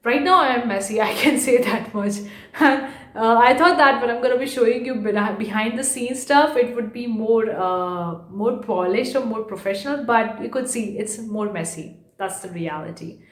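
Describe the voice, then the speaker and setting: A woman's voice: a little high, fairly bright tone, echoey room. A woman talking to her viewers in a casual vlog from her bedroom, chatty and rambling, often saying "guys". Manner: says she speaks too fast. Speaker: art vlogger and online entrepreneur.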